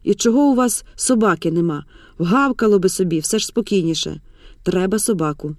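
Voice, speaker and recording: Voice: medium pitch, fairly quick, no echo, studio quality, lightly acted. A reader voicing a stern, curt old grandmother in an audiobook who gives orders. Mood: commanding. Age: older. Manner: curt, domineering, predatory.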